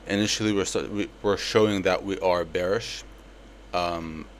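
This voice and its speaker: Low, flat-voiced young man with a lisp. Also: normal speed, slight background noise. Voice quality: slight lisp from a palate expander. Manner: casual, relaxed, with fillers. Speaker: trading educator. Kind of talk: screen-recorded trade breakdown.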